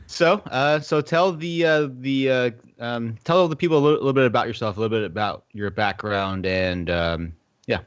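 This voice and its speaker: A man's voice: medium pitch, measured pace. Podcast host guy, jokey and loose, lots of uhs, kinda muffled audio. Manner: joking, loose, filler-heavy. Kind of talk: casual podcast chat.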